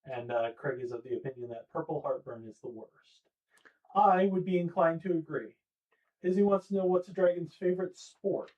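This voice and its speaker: A man's voice: a little high, moderate pace, distant mic, dull audio. A man co-hosting a casual livestream, playful and reading out viewer comments. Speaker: livestream co-host reading chat. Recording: voice from away from the mic.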